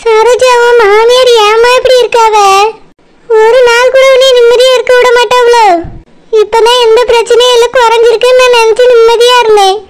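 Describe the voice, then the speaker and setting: A woman voicing a gentle, worried middle-aged village mother in a cartoon, with a Tirunelveli Tamil accent. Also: extremely high pitch, level tone, normal speed. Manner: gentle and pleading.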